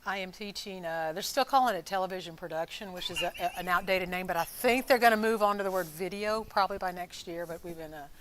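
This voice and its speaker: A woman's voice: on the low side, fast talker, few pauses, a bit bright, slight background noise. A woman from Louisiana, a teacher, talking easygoing and hesitant as an interview guest. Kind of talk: casual interview. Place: school campus room.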